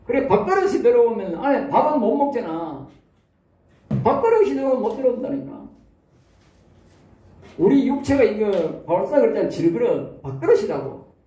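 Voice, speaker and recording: Gyeongsang-accented pastor with a high voice. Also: male voice, very animated, normal speed, long pauses, dark tone. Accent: Gyeongsang Korean. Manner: constantly checks in with "eh?" and rhetorical questions. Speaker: pastor teaching theology students. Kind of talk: expository sermon. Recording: echoey room, mic at a distance.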